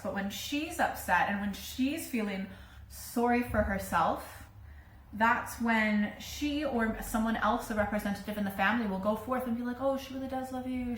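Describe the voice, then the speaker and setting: A woman's voice: a little high, reverberant, a little hiss or hum. A woman with a British accent giving a casual tarot reading, talking in a chatty way with many fillers. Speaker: tarot reader.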